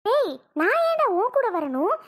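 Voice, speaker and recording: A woman's voice: sing-song, moderate pace. A woman voicing an injured young wife in a cartoon, who is furious and scolds sharply. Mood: angry. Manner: shrill, scolding, exasperated. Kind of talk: cartoon voice acting.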